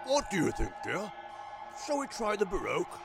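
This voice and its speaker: Man playing a polite curious husband, very lively up-and-down voice, music behind. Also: high voice, moderate pace, creaky, exaggerated voice. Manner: mild, courteous. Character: genial middle-aged husband at a fair, curious.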